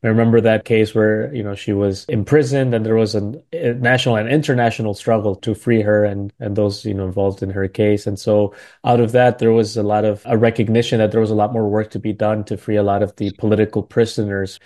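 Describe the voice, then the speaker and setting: A man's voice: on the low side, steady tone, brisk, dark tone. A man in his thirties from Milwaukee giving a conversational talk as a guest speaker, often adding "right?" and "you know" to his phrases. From Milwaukee, United States. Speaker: guest speaker, community organizer. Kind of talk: prepared talk at a panel event.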